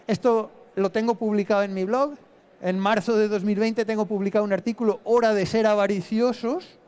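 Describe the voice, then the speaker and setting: A man's voice: sits high, fairly even intonation, brisk, darkish tone, clean tone. A man giving a live presentation to an audience as an invited investor, explaining his reasoning in a plain-spoken way and thinking aloud.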